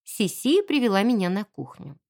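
A woman narrating a first-person audiobook in an expressive, wry storytelling manner. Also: medium pitch, moderate pace.

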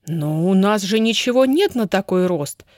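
Woman voicing a gentle old grandmother. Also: mid-range voice, animated, moderate pace, dry recording, clean studio sound, close to an everyday voice. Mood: patient. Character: fussy kindly old grandmother.

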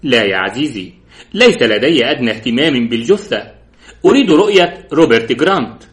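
A man voicing a calm, confident middle-aged male detective who speaks politely and with quiet insistence. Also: medium pitch, a little fast, lightly acted. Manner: polite, composed, gently insistent.

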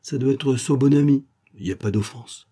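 A man voicing a cheeky young male actor-sleuth who talks in lively street slang. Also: medium pitch, normal speed, voice pushed up, lightly acted. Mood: bantering.

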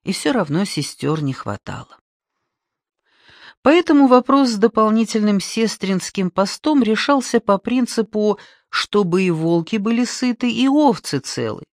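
A narrator reading a novel aloud in an expressive storytelling manner. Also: mid-range voice, a little slow, no echo, studio quality. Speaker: audiobook narrator. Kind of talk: scripted audiobook narration.

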